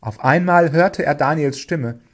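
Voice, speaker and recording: Expressive man reading a storybook. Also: a little high, unhurried. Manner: expressive, lively, acts out dialogue.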